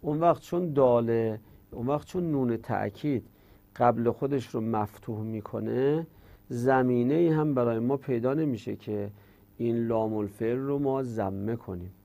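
A man teaching an Arabic grammar lesson in Persian, reciting verb conjugations in a steady drone and then explaining the rules step by step. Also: medium pitch, vocal fry. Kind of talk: religious-school grammar lesson.

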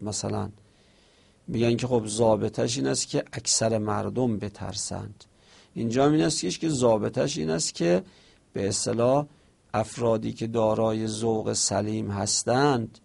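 A man teaching a seminary lesson. He reads Arabic lines slowly from the book and then explains them in casual speech. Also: mid-range voice, vocal fry, a little mellow. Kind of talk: classroom lecture reading and explaining an Arabic text.

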